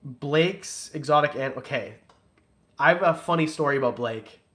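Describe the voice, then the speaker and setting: With a slightly high, fairly bright voice at a moderate pace, a young reptile breeder and channel host chats loosely on a casual livestream. He rambles, cracks jokes, and reads out the donations.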